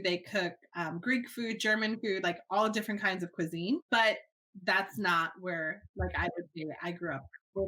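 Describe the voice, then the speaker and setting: A woman in her thirties, a guest in a casual interview, born in Alabama and raised in Miami, chatty and quick to laugh while telling stories. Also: medium pitch, pushed and bright. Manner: chatty, laughs often, storytelling.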